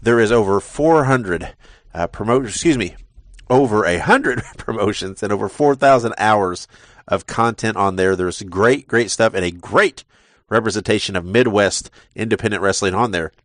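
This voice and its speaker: A male podcast host with a lowish, slightly bright voice rambles casually about wrestling at a moderate pace, congested from a sinus infection. He uses frequent "uh" fillers and repeats words. The recording is dry and clean, with studio sound.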